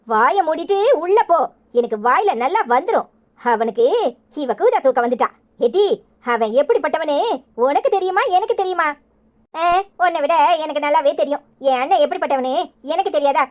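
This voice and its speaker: A woman voicing a fierce, sharp-tongued older village mother in a Tamil cartoon, speaking with a Tirunelveli accent and cursing freely. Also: sits high, lively intonation, normal speed. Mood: scolding. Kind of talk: cartoon voice acting.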